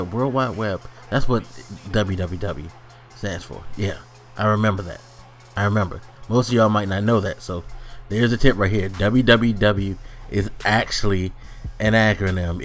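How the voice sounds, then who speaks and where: A man's voice: on the low side, unhurried. A middle-aged man giving a casual, slangy back-in-my-day old-man rant to his online viewers, grumbling and exasperated. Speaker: online video ranter. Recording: music playing under the voice. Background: background music.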